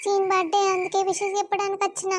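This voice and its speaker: A woman's voice: very high-pitched, completely flat delivery, racing, a little hiss or hum. A woman voicing a pleading teenage village girl in love. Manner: pleading, apologetic. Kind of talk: cartoon voice acting.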